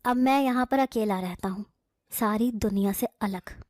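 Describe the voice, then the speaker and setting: Harsh, slow, scornful young jinn man, as a woman storyteller puts him on, storybook horror voice, somewhat raised pitch. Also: darkish tone, dry recording, studio quality, lightly acted. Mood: stern. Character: angry reclusive young man, secretly a jinn.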